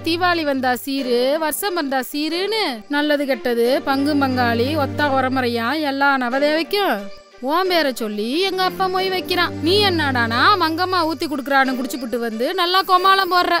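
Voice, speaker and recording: Actress as high-voiced wife, scolding and tearful, loud film music under. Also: female voice, lively intonation, moderate pace. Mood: sarcastic. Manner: scolding, bitter, often tearful. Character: hard-pressed village wife, sharp-tongued, tearful. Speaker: wife and mother.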